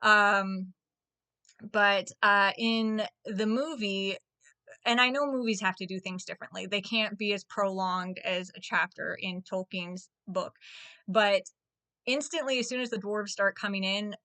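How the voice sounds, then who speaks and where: Woman, 30s, book vlogger; casual and gushing, lots of fillers, crisp tone. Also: mid-range voice, steady tone, a little slow, pushed and bright. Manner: chatty, gushing, full of fillers.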